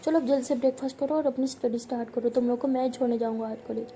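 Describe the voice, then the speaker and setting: Woman voicing a stern middle-aged dad, firm scolding commands, mellow high voice. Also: steady tone, racing, slight background noise, close to an everyday voice. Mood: teasing. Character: strict but joking middle-aged father.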